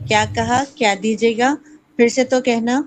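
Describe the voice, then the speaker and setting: A woman's voice: fairly high pitch, darkish tone, a little hiss or hum, close to an everyday voice, poor audio. A woman voicing a fussy aunt in a children's story, stern and exacting as she keeps correcting a girl's pronunciation. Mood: scolding. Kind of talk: reading a children's story aloud.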